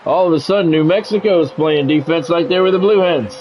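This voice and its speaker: Speaking a little fast with a darkish tone and fairly high pitch, a man does live play-by-play on a football video game. His delivery is terse announcer phrasing plus candid asides, and the dull, lo-fi mic adds faint background noise.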